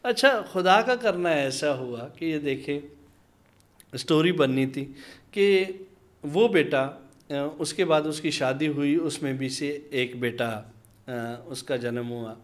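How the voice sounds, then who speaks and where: A man from Pakistan, an interview guest telling a long anecdote. He pauses to hesitate and acts out the voices of the people in his story. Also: on the high side. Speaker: interview guest, minority community leader. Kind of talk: conversational storytelling.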